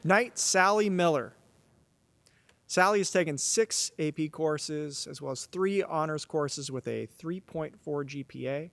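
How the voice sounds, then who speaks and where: A man's voice: fairly high pitch, unhurried, vocal fry, hardly any pauses, slight background noise. A man giving formal scripted announcements at a school knighting ceremony, addressing the audience from a podium microphone. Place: stage of a large auditorium.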